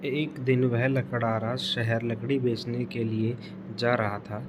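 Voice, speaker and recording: A male narrator tells a cartoon story from a script. His pitch is average and his intonation stays flat. There is clear noise in the recording. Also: slow. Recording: noticeable background noise.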